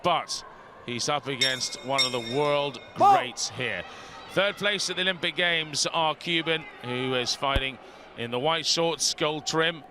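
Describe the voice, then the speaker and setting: A man giving live boxing commentary in a measured, matter-of-fact way. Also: on the high side, animated, bright, forceful tone, slight background noise. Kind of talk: live television sports commentary.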